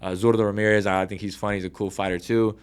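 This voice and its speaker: A man's voice: lowish voice, level tone, fast, clean tone. A young man, a boxer, talking casually in a podcast interview, swearing often and acting out quotes. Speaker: boxer guest.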